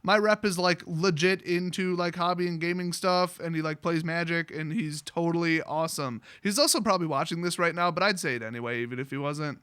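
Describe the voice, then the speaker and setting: A man with a high, forceful, bright voice rambles through a story in casual vlogger fashion, sarcastic, blunt, and quick to curse. He's an online vlogger and card seller. The recording is close-miked and very dry, with a clean tone and no audible room.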